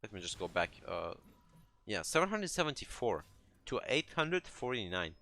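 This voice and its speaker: Talking a player through a replay, this gaming coach speaks at normal speed in a lowish voice with vocal fry and a bright, forceful tone, very animated throughout. He explains conversationally, often restarting phrases and asking "right?" to confirm understanding.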